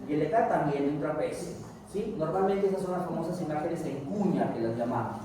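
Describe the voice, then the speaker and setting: A man giving a recorded medical lecture, asking and answering his own questions in an animated way. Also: on the high side, fairly quick. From Peru. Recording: echoey room, distant mic, faint noise.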